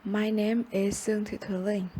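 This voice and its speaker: A young woman whose first language is Vietnamese gives a class presentation at an unhurried pace. Her voice is mellow and soft-edged, and she leaves small pauses between listed words. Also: medium pitch, level tone, slight background noise. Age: young adult. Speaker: student presenter.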